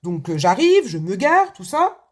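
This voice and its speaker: Sitting at her desk at home, a woman who vlogs about budgeting talks casually to camera about her budget binder in a medium-pitched, sing-song, unhurried voice. Her long story to viewers wanders with asides, fillers and restarts.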